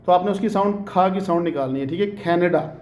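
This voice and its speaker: A man teaching an online group English lesson over a video call, explaining patiently and drawing out letters and words slowly for students to repeat. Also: sits high, darkish tone, reverberant. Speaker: English tutor.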